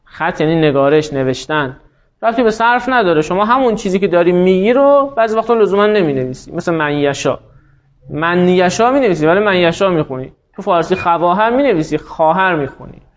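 A man with a high, light voice lectures a class, walking through each point and answering the questions he raises. The recording is dull and lo-fi, with muffled highs. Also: animated. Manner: explanatory, poses and answers his own questions. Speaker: teacher.

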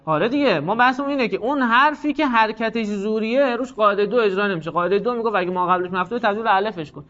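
A male teacher with a high voice works through a grammar lesson. He stops often to repeat key points and question his students. The recording is dull and lo-fi. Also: fairly bright tone. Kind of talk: classroom lecture on grammar.

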